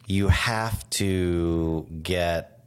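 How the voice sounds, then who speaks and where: A man's voice: deep voice, steady tone, extremely slow, clear, resonant tone. A man co-hosting a podcast in an empty room, chatting casually with slangy, salty informality. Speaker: podcast co-host. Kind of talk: casual chat. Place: empty room of a new store studio.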